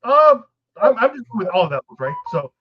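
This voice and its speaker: A podcast co-host tells a long, rambling, profane story, laughing often as he goes. His voice is high and slightly rough, with big pitch swings at a moderate pace, on a dull lo-fi recording.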